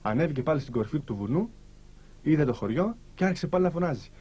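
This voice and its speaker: A man telling a folk tale to listeners in a lively, animated voice, pausing between short phrases. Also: fairly high pitch, slightly rough. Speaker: storyteller. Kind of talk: storytelling to listeners.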